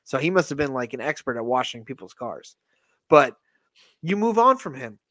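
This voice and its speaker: A man's voice: mid-range voice, sing-song, normal speed, fairly bright tone, no room sound. A man co-hosting a sports podcast, rambling and joking as he talks. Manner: rambling, jokey. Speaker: podcast co-host. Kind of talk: casual sports podcast chat.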